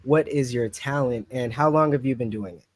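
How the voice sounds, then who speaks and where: A man's voice: medium pitch, no room sound. Upbeat male radio host, dry sound. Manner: upbeat, affirming, quick to say wow. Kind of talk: casual interview hosting.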